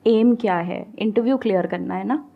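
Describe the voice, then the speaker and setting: A woman's voice: medium pitch, moderate pace, creaky, phone-quality sound. A woman with an Indian accent, an English-speaking coach giving emphatic advice on stage and switching freely between Hindi and English. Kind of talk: casual advice talk on stage.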